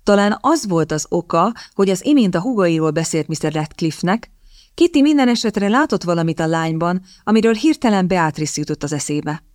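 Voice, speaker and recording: A woman with a low voice reads a novel aloud in a measured, expressive way. The recording is dry and close, with no room sound. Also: dry recording. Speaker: audiobook narrator. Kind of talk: scripted narration.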